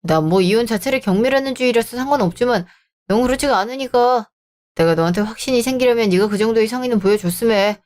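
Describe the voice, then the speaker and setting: A woman's voice: on the high side, fast, a little mellow, lightly acted. A woman voicing an arrogant, controlling young man who talks down to his fiancée, as part of a radio drama reading. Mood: scheming. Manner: condescending, bullying. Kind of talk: Korean story-channel radio drama reading.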